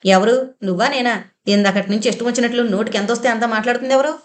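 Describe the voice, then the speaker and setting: A woman's voice: a little high, fairly even intonation, racing, close to an everyday voice. A scheming young sister-in-law throws back rude, mocking retorts, voiced by a woman reading a novel aloud. She sounds insolent and needling.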